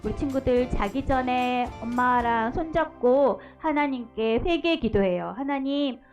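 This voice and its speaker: High-voiced woman preaching to toddlers. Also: a little slow. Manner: gentle, sing-song, asks and prompts children to repeat. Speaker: children's ministry preacher. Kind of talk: sermon for small children. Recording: dull recording with faint music.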